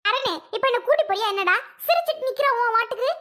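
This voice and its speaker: Figure: shrill scolding old mother voiced by a woman. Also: lively intonation, fast, fairly bright tone. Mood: wailing. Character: older mother, indignant and complaining.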